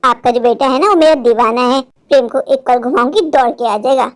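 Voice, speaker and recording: A woman's voice: high voice, brisk, natural voice. A woman voicing a cunning, defiant young bride in a cartoon, taunting in a mock-sweet way. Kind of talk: animated Hindi cartoon voice acting.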